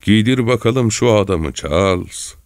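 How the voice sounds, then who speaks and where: A man as a weary old father, low and tired. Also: expressive, measured pace, darkish tone, no room sound, studio quality. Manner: tired, grumbling.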